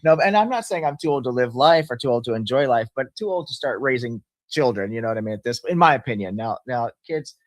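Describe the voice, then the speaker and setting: Fifties man, quick and earnest, rambling host in casual talk, dry close sound. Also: medium pitch, animated, no room sound. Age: 50s. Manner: earnest, rambling, explains with laughs. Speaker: channel host. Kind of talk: casual discussion.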